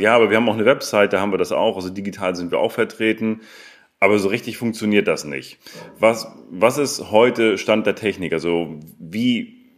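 A man hosting an interview podcast, enthusiastic, often restarting his words. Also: sits low. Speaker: podcast host.

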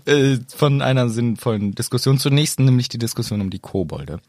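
A man co-hosting a casual chat podcast, playful and quick to laugh. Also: mid-range voice, animated, darkish tone, no room sound, clean studio sound. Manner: playful, laughs often, plays word games. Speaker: podcast co-host.

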